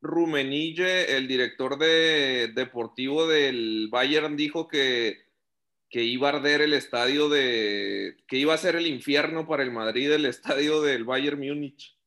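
A man's voice: mid-range voice, a little slow, sharp tone. A young man co-hosting a football podcast in casual fan chat.

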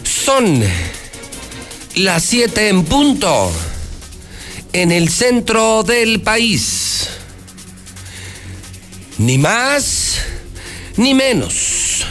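A Mexican man hosting radio news like a ringmaster, announcing in a grand, drawn-out, bombastic style and repeating phrases for emphasis. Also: sits high, sing-song, fairly bright tone. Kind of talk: theatrical radio news opening and commentary. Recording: music bed behind the voice.

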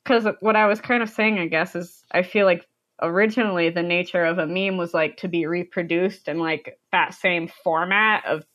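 A woman's voice: lowish voice, fairly even intonation, moderate pace, a bit bright. A young American woman from the United States, a podcast guest chatting casually, rambling with many fillers and frequent laughter. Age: young adult.

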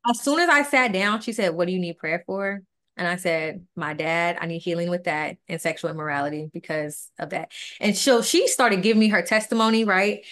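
A young woman, speaking in a slightly low voice. She shares a personal story in a casual, heartfelt way. She acts out the dialogue with lively inflection. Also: brisk. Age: 20s. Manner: earnest, animated retelling with quoted dialogue. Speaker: podcast co-host.

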